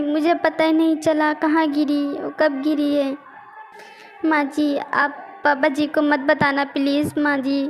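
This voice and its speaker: A woman voicing a young scheming daughter-in-law in a cartoon story, pleading and whiny. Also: high-pitched.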